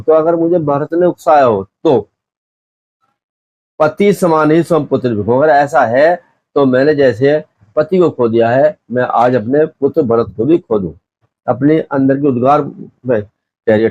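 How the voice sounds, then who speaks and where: A male teacher who reads lines of verse slowly, then paraphrases them and asks the class questions about figures of speech. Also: fairly high pitch, darkish tone, no echo. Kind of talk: line-by-line explanation of a Hindi poem for exam students.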